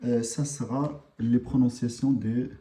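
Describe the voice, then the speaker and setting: A man teaching a live online language lesson, unhurried and hesitant, with many pauses and fillers. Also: medium pitch, fairly even intonation, dark tone, reverberant.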